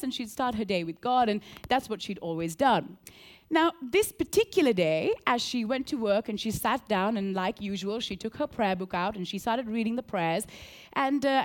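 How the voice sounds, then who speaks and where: A woman from Sri Lanka preaching a sermon, earnest and animated, repeating key phrases and telling a story. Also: a little high.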